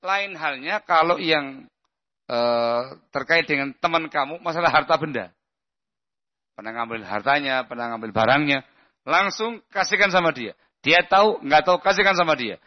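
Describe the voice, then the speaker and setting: A man's voice: on the high side, animated, moderate pace. A man preaching an Islamic lesson in a conversational way, often checking that listeners understand. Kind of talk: religious lesson with Q&A. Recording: muffled lo-fi lecture recording.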